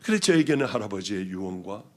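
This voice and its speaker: With a voice on the low side, this South Korean pastor talks fast as he recounts his testimony in a sermon. Lively, acted-out quotes punctuate the story, shifting between booming outbursts and hushed whispers.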